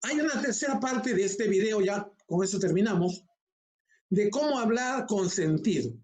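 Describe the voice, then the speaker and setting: The speaker is an older homiletics professor giving an online lesson at a moderate pace in a high-sitting voice. He sounds calm and conversational, close to a laptop mic.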